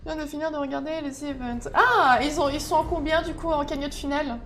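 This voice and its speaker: High-voiced, excitable woman streamer. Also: fast talker, slight background noise. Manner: chatty, reacts aloud, talks to her chat; excitable outbursts and laughs. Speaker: gaming streamer. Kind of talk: casual gameplay commentary.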